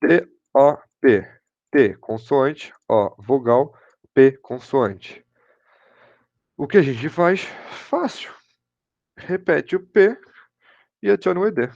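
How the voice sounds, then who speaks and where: Brazilian male teacher, gravelly, keeps checking in with his class; dry lo-fi recording. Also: on the high side, expressive, takes it slowly, long pauses, darkish tone, no room sound. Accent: Brazilian Portuguese. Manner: repeats "show de bola" and "pessoal", checks in with students. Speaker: English teacher. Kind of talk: online class explanation.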